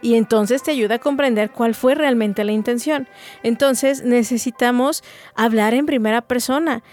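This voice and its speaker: Woman, fairly high voice, earnest faith-based teaching talk, faint music underneath. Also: normal speed, darkish tone. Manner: earnest, explanatory, acts out example phrases.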